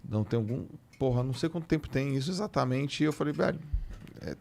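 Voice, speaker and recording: Man, gravelly voice, emphatic and repetitive, casual podcast chat. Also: mid-range voice, expressive, fast, a little mellow. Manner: emphatic, repeats words, says "velho" and "cara" often. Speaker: podcast guest. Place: podcast studio.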